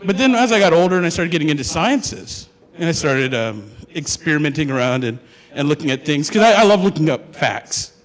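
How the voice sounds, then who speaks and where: A young male student from Hawaii tells a humorous personal story to an audience, chatting, joking, and posing questions to them. His voice is on the high side, very animated, and a little fast, with long hall reverb on the recording.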